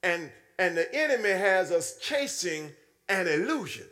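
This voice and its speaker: Animated man preaching a sermon. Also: measured pace. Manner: call-and-response preaching, frequent "Hmm?" to the congregation; acts out voices with sudden high swoops and low drops.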